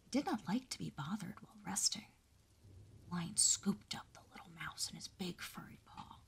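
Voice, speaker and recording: Woman, whispered role-play, older-sister bedtime reading, breathy, raspy. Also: fairly low pitch, animated. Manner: soft, slow bedtime reading. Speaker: storyteller.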